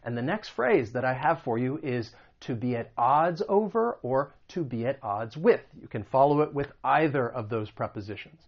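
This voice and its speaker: An American man teaching English pronunciation, patiently repeating example phrases slowly. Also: mid-range voice, lo-fi sound. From United States. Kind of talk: explaining and demonstrating pronunciation.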